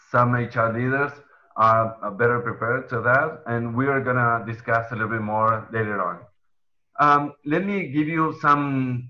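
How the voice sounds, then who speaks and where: A young man from Argentina, speaking with an Argentine Spanish accent in a mid-range voice, hosts a webinar panel over a video call. He uses headset earphones in a room at home, and the lo-fi audio catches him hesitating constantly with ums and restarts.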